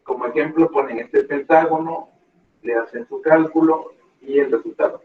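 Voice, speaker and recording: A man's voice: on the high side, moderate pace, a little hiss or hum. Male teacher in echoey classroom. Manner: patient, guiding students step by step. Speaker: math teacher. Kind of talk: classroom lesson. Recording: echoey classroom, dull lo-fi sound.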